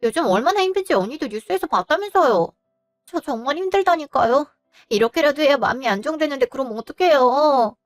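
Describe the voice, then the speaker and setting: A woman's voice: sits high, lively intonation, a little fast, dry recording, clean studio sound, soft background music. A woman in her twenties playing a spoiled, defensive sister-in-law who whines and sulks. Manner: whiny, sulky and defensive. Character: spoiled young adult sister-in-law, whiny and defensive thief.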